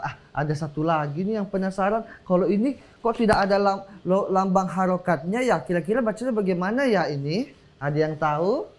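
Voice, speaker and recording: Encouraging man teaching children. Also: sits high. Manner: encouraging, quizzing, exclaiming praise often. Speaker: Quran teacher on a children's TV show. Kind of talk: teaching children with call-and-response. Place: TV studio.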